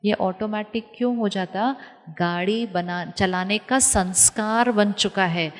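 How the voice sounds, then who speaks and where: A woman giving a calm spiritual talk to an audience, teaching step by step with rhetorical questions and repetition. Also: mid-range voice, slow pace. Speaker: spiritual speaker. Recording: long hall reverb.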